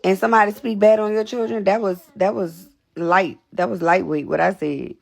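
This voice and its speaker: A young woman livestream host talks straight to her viewers, blunt and profane, circling back to the same words. Her medium-pitched voice has a gravelly fry beneath it and a steady tone at normal speed, and she sounds a little short of breath.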